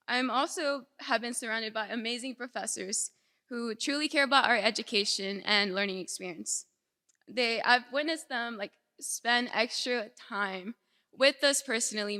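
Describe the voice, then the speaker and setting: With a fairly high, bright, and forceful voice, a young woman addresses an audience in a large indoor hall, and the long reverb leaves the sound echoey. She's a nursing student, originally from El Salvador and raised in Houston since age seven, and her personal speech is informal and conversational, full of "like."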